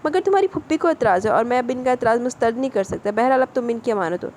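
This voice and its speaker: Woman voicing a gentle, reassuring father. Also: on the high side, expressive, a little hiss or hum, lightly acted. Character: gentle middle-aged father.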